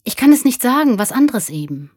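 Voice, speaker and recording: A woman's voice: on the high side, big pitch swings, fairly quick, darkish tone, dry recording, studio quality, pitched above the performer's own voice. A woman voicing an earnest, stubborn nine-year-old boy in a told story. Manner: defiant then shaky, pleading.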